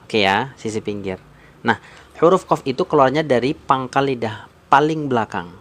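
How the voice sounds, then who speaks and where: A man's voice: medium pitch, animated, normal speed, a bit bright. A man teaching Quran recitation rules on a live stream, repeating points and quizzing his viewers. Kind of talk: live-stream tajwid lesson.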